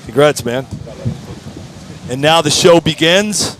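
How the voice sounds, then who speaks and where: A talkative man hosts live interviews at a racing event. His voice sits a little high, and he talks in an eager, promotional way. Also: animated, slow, a bit bright. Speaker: host.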